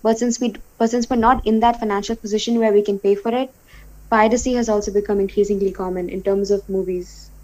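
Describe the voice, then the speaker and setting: A woman's voice: mid-range voice, fairly even intonation, fast, warm tone, muffled recording. A young woman from India co-hosting a casual discussion podcast, articulate but restarting her sentences. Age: young adult. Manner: articulate, repeats words when restarting. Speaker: podcast co-host.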